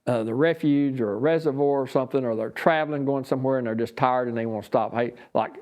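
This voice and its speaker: A man with a Southern US accent explains his craft as an instructor would in an informal lesson. His voice sits at a middle pitch, and he talks in a folksy, rambling, unscripted way. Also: quick pace, darkish tone. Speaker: duck calling instructor and champion.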